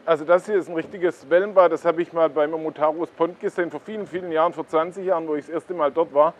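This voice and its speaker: Guy walking you round a pond, kinda high voice, bit of outdoor noise. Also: steady tone, fast. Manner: explains while pointing things out to the viewer. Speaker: koi blog host. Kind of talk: casual on-site explanation.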